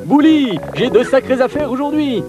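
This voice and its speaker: A man voicing a brisk snowman peddler in a children's cartoon, with an offhand salesman's patter. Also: sits high, big pitch swings, music in the background. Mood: wheedling.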